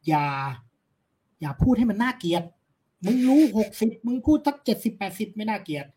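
A man's voice: high-pitched, sing-song, brisk, warm tone. A man, a philosophy lecturer, talking bluntly and confidently with crude casual speech in an interview.

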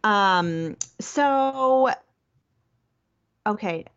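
A woman hosting a podcast in casual, upbeat chat, often pausing on fillers. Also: medium pitch, animated, clear, resonant tone, no room sound. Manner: upbeat, chatty, with frequent fillers. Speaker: podcast host. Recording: dull lo-fi sound.

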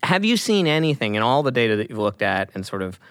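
A man's voice: mid-range voice, sing-song, quick pace, fairly bright tone, dry recording, studio quality. Wry middle-aged male podcast host. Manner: wry, joking, asks long rambling questions. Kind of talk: casual podcast interview.

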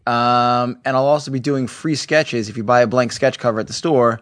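A man's voice: medium pitch, steady tone, normal speed. A man speaking casually as a podcast guest, a comics creator. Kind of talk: casual chat.

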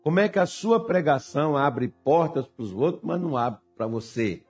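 Pastor guy preaching, kinda husky, goes from hushed to loud and punchy, soft music behind. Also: a little high, animated, moderate pace. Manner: swings from hushed storytelling to loud emphatic preaching. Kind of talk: sermon.

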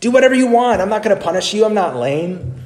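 Chill whatever-goes dad voice, high and slack, preacher putting it on, roomy echo. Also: male voice, expressive, fast, a little mellow. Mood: breezy. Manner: slack, shrugging drawl. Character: laid-back permissive cool dad.

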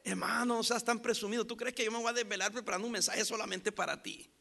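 High bright-voiced pastor preaching. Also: male voice, steady tone, fast talker, vocal fry. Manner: storytelling with acted-out dialogue, loud emphatic bursts. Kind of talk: sermon.

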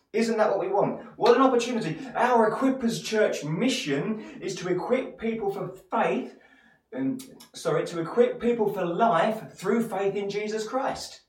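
A man's voice: high-pitched, a little mellow. Male pastor, Essex accent, encouraging sermon delivery with rhetorical questions, distant mic in a reverberant room. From Essex, England. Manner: encouraging, addresses listeners directly with rhetorical questions and repeated phrases. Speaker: church pastor. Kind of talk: motivational sermon. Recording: echoey room, distant microphone.

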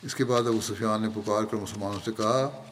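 A man's voice: fairly low pitch, steady tone. Man preaching in a reverberant hall. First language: Urdu. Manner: measured storytelling, slows down to recite Arabic phrases. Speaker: spiritual leader giving a Friday sermon. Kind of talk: sermon. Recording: long hall reverb, faint background noise.

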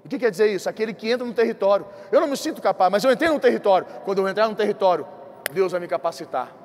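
A man preaching a sermon as a bishop, with a Brazilian accent and an impassioned, repetitive style that rushes ahead and then slows for emphasis. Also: high-pitched, lively intonation, slight background noise. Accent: Brazilian Portuguese. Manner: impassioned, repetitive preaching with quick bursts and slow emphatic drops. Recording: church hall with long reverb.

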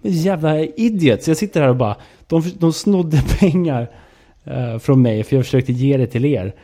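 A man's voice: fairly high pitch, warm tone. A man chatting casually on a podcast who jokes, swears and often laughs. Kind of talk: casual chat.

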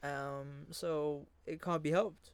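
A man's voice: fairly high pitch, fairly even intonation, slow pace, clear, resonant tone, no echo. A man, chatting casually in sweary slang and agreeing in repeated bursts.

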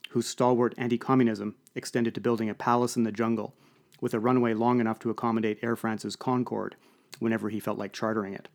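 A man narrating an audiobook in a dry, wry storytelling manner. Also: medium pitch.

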